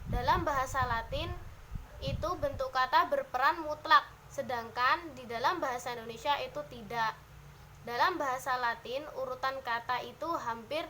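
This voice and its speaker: A young woman, a student, presenting a lesson on grammar in a measured, list-like way with a few hesitations. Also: high voice, bright, forceful tone, a little hiss or hum, rough recording. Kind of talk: class presentation on syntax.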